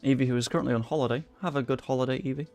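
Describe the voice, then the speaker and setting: Talking rapid-fire in a mid-range, darkish voice with fairly even intonation, this young man plays a football management game for his YouTube viewers. He keeps it casual and swears quietly to himself, recorded on a dry close mic over the game's music.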